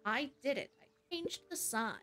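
A woman's voice: sits high, expressive, moderate pace, music in the background. A woman streaming a game live, chatting and reacting aloud as she plays and reads lines. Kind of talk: live gameplay commentary.

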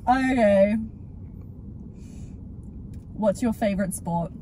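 A young Australian woman in a relaxed chat, playful and teasing as she throws out questions. Her pitch sits in the ordinary middle range for a woman. Faint background noise hums under the recording. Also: takes it slowly, poor audio. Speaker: teacher and co-host. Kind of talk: casual chat.

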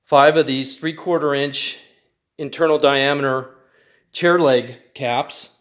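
A man's voice: medium pitch, steady tone, takes it slowly, a bit bright. Guy explaining his diy project step by step, plain and methodical, workshop vibe. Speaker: DIY channel host. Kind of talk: step-by-step build tutorial.

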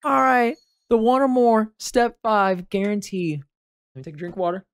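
A woman with an animated mid-range voice, speaking at normal speed with no echo, gives casual live gaming commentary while opening pulls in a mobile game. Emotional and talkative, she begs the game, addresses her viewers, and swears freely.

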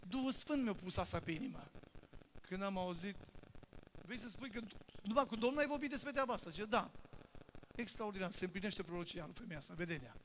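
A man preaching, telling stories and acting out the voices in them, then rising to loud, urgent appeals. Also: high voice, lively intonation, slight background noise. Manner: acts out quoted voices, laughs between. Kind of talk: testimony sermon.

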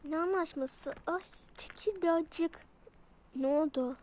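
A woman's voice: very high voice, measured pace, darkish tone. A woman doing a toy role-play, voicing several pet characters and switching between playful character voices. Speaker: toy video creator.

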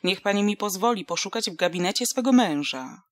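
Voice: mid-range voice, lively intonation, brisk, no room sound, clean studio sound, close to an everyday voice. A woman voicing an anxious young female doctor, insistent and pleading.

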